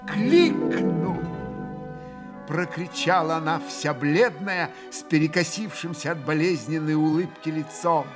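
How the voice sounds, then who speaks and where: A man narrating a classic novel in a theatrical, expressive audiobook reading. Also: a little high, normal speed, few pauses, music in the background. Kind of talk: dramatic literary reading.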